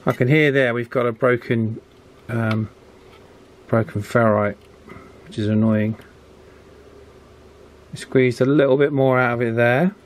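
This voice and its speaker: In no hurry and leaving long pauses, a man with a medium pitch and fairly even intonation demonstrates radio alignment. He's an electronics hobbyist thinking aloud informally during a casual, hands-on session at an indoor workbench. The workbench's background noise is clearly present.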